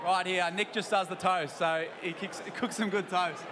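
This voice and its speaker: A young Australian man, a footballer, answering post-match questions outdoors at a stadium in a plain, measured way. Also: high voice, fairly even intonation. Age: young adult. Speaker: footballer interviewed after a match. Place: outdoors at a stadium beside the field. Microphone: handheld mic with headset. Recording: crowd and stadium noise.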